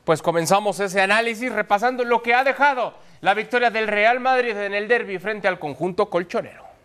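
A man's voice: high-pitched, fairly quick, fairly bright tone, clear, resonant tone. A man hosting a football talk show, presenting and passing questions to his colleagues. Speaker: sports show host.

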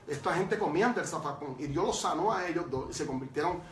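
A man telling his testimony as a preacher, lively and emphatic, with frequent fillers. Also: on the high side, quick pace. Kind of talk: storytelling testimony. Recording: roomy sound from far off.

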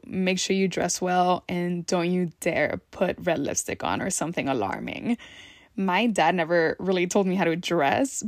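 With no room sound and studio-quality audio, this clip features a young podcast host from Mexico and Texas recounting personal stories. Her fairly low voice carries a candid, casual tone, and she swears a bit.

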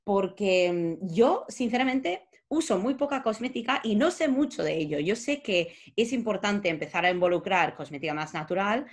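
A woman's voice: medium pitch, lively intonation, normal speed, hardly any pauses. A woman hosting a casual podcast interview, chatty, with frequent fillers and restarts. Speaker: podcast host.

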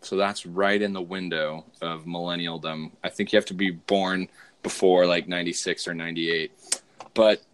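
A man's voice: sits low, steady tone, normal speed, smooth. An American man from the West Coast hosting a podcast in a casual, joking, conversational style. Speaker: podcast host. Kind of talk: casual joking interview chat.

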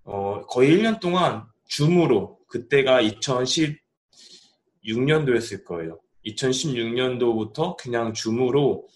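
Male podcast guest from South Korea, young adult, medium pitch, casual interview talk. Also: animated, measured pace. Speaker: podcast guest, life coach and author.

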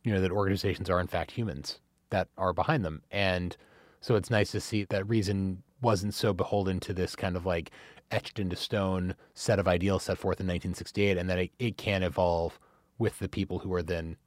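A man hosts a casual podcast interview, asking questions with a joking, animated edge. His voice is on the low side. The recording is dry and close. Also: fairly quick, dry recording. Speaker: podcast host.

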